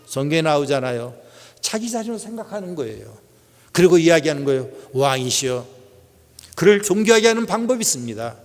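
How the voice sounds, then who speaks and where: A man's voice: a little high, big pitch swings, fast, long reverb tail. A middle-aged male pastor preaching a Sunday sermon in a conversational way, putting questions to the congregation. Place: church sanctuary.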